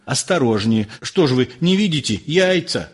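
A man's voice: medium pitch, animated, moderate pace, slightly rough, long reverb tail. A man voicing an eager, naive provincial farm manager who fusses and bosses people around. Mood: fussing. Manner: fussing, bossy.

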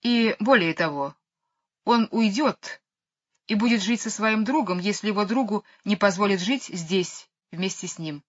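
A woman's voice: medium pitch, measured pace, no echo, close to an everyday voice. A woman reading an audiobook voices a prim, self-assured nanny who speaks curtly and matter-of-factly. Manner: curt and matter-of-fact. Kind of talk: audiobook character voice. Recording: dull lo-fi recording.

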